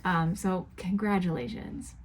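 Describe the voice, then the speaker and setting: A woman's voice: on the low side, steady tone, unhurried. A woman giving conversational feedback as a judge, effusive and emphatic, often repeating words to stress them.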